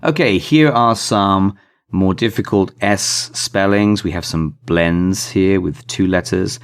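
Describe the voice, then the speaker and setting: Deep voiced guy teaching phonics really slowly, spells out letters, leans on each keyword. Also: smooth. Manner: spells out letters and sounds carefully, emphatic on keywords. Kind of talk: slow, deliberate phonics lesson.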